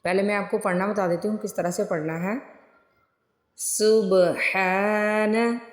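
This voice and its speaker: A woman who teaches the Quran online, giving a recitation lesson and patiently breaking words into syllables that she repeats slowly. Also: mid-range voice, steady tone, a little mellow. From Pakistan. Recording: roomy echo with long reverb, faint music.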